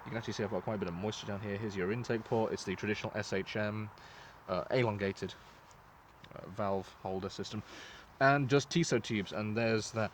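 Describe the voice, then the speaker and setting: A man's voice: on the low side, fairly even intonation, fairly quick, a little hiss or hum. A man giving a casual, informal product review as the host, talking in a loose, sweary way. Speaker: host reviewing gas masks.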